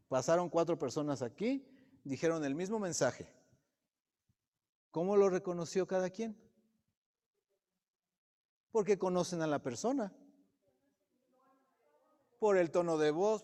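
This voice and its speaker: Preacher with a mellow voice in a reverberant church. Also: male voice, on the high side, expressive, unhurried, pauses often. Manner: asks the congregation direct questions. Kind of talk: sermon. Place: church sanctuary. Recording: long reverb of a church hall.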